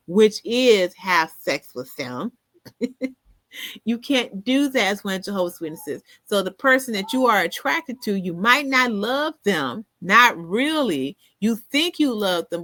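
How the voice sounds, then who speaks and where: Animated woman podcast host, dry sound. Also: mid-range voice, no room sound. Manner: animated, laughs often, repeats words for emphasis. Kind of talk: casual solo commentary.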